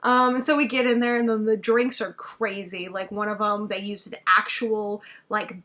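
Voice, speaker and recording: A young woman in a casual travel vlog, chatty and excitable, packing her talk with "like" fillers as she recaps her day from a hotel room. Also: mid-range voice, normal speed. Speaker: travel vlogger.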